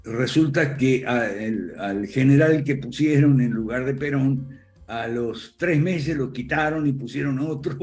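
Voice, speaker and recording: Slow older Argentine man lecturing. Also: mid-range voice, mellow. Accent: Argentine Spanish. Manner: frequent "eh" and "¿ok?" tags, chuckles while talking. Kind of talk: virtual lecture, conversational.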